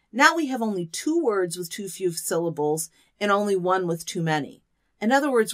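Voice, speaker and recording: A woman's voice: lowish voice, fairly bright tone. A woman teaching an online programming course, explaining step by step and asking the listener to think along. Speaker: course instructor. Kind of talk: lecture.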